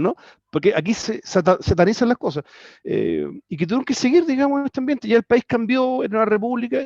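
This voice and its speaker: Man, Chilean accent, history teacher, online class, high voice, dry dull call audio. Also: gravelly, darkish tone, no echo. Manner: conversational, with frequent tag questions and restarts. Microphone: computer mic on a video call.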